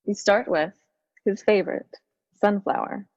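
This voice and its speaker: A woman's voice: mid-range voice, a little slow, a little mellow, lightly acted. A woman playing a dry-witted undead woman from the underworld, speaking in a dry, sardonic way. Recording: dull lo-fi sound with long reverb.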